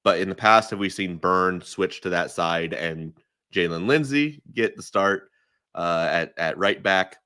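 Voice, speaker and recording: A man's voice: low voice, measured pace, pushed and bright, clean tone, no echo, clean studio sound. A man giving emphatic, opinionated takes as a guest in a casual podcast chat, often restarting his sentences. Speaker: guest analyst.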